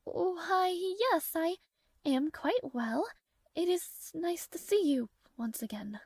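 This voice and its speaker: A woman playing a proud, easily flustered young princess in a romantic fantasy audio roleplay, speaking formally and haltingly. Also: very high-pitched, animated, darkish tone, no echo, clean studio sound, full character voice. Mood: polite, guarded. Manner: formal, halting, hesitant, prim.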